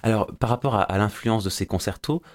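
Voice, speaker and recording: Low-voiced male interviewer. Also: fairly quick. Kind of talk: interview questioning.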